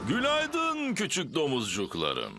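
A man's voice: a little high, huge pitch swings, takes it slowly, over loud music, heavily acted. A man voicing a cheerful, affectionate father pig in a children's cartoon dub. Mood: reassuring.

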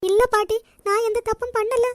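Woman doing a shy cartoon college girl, very high voice, anxious pleading. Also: animated, fairly quick. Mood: tearful. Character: timid young college woman, sensitive.

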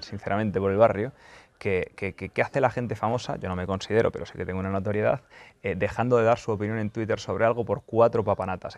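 Filming a laid-back Q&A vlog in Qatar at the World Cup, a man who works as a football journalist and video host talks bluntly and with profanity. He sounds gravelly and a little mellow, sitting on the low side, and often restarts or uses fillers.

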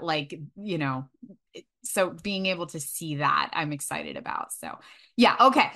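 A woman's voice: medium pitch, pushed and bright. A woman co-hosting a horror film podcast, chatting enthusiastically and swearing casually, with a slight cough. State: coughing from a cold. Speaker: podcast co-host.

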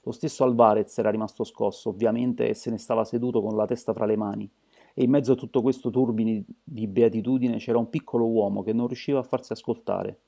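Gravelly-voiced male audiobook narrator. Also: on the low side, steady tone, fast, mellow. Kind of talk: amateur audiobook reading.

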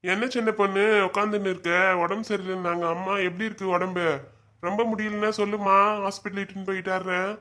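A man's voice: high-pitched, little pitch movement, fast, bright, forceful tone. Man playing a grumbling grown son. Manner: grumbling, brushing off his mother. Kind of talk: comedy skit acting.

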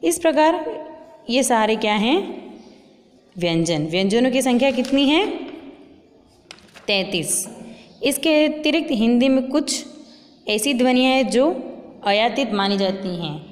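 Female teacher, deliberate and slow, posing and answering her own questions; long reverb on the voice. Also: a little high, expressive. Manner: asks questions and answers them herself. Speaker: school Hindi teacher. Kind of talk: classroom grammar lesson.

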